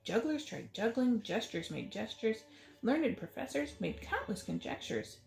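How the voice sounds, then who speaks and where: In a roomy recording with echo and faint music, a woman reads a rhyming picture book aloud for children. Her mid-range voice is creaky and a little mellow, and she moves at a measured pace with a sing-song, dramatic, expressive delivery.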